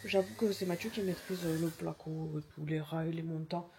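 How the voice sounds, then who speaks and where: A woman's voice: sits low, fairly even intonation, normal speed, creaky, noisy background. A woman hosting a renovation vlog, narrating in a chatty, enthusiastic voice-over. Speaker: vlog host.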